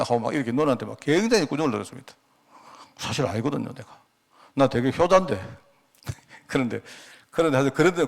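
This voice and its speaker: Male pastor, middle-aged, sermon in church, rambling, rhetorical questions, lively rise and fall. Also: mid-range voice, creaky.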